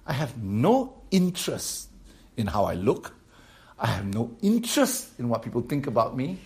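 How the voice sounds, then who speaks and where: A man's voice: mid-range voice, very animated, normal speed, creaky, darkish tone, reverberant. A man, preaching a sermon as pastor in a conversational way and putting questions to the congregation. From Malaysia. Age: 50s. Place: church.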